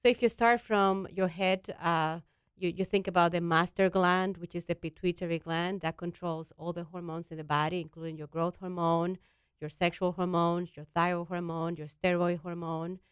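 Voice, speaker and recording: A woman from the Dominican Republic with a smooth, resonant and somewhat low voice. She explains medical ideas patiently and plainly, one step at a time, as a guest doctor. The sound is dry and close. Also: flat delivery, normal speed, no room sound. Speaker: endocrinologist guest. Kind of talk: explanatory talk-show interview.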